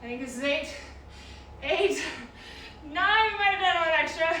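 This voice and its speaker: Female aerobics instructor, high-pitched and slow-paced, counting reps and giving encouraging form cues; very reverberant room recording. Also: expressive, bright, forceful tone. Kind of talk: group workout coaching, counting reps and cueing exercises. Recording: very echoey room, distant mic, noisy.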